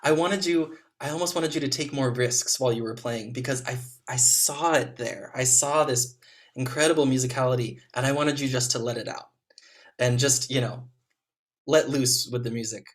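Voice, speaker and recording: A man serving as a competition juror, giving gentle, encouraging spoken feedback to young players over a video call, with frequent ums. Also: mid-range voice, normal speed.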